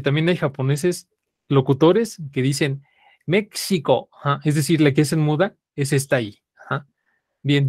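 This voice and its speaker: A man's voice: on the high side, no echo, studio quality. A man teaching a live language class, repeating students' answers and saying "ajá" constantly.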